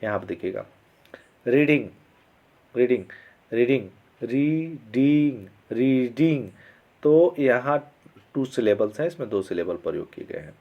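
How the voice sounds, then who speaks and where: A man's voice: fairly low pitch, lively intonation, vocal fry. Hindi-speaking man teaching English grammar. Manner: explains in Hindi, reads English examples slowly; often checks in with "ठीक है ना". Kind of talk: classroom-style grammar lesson. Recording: slightly dull lo-fi sound.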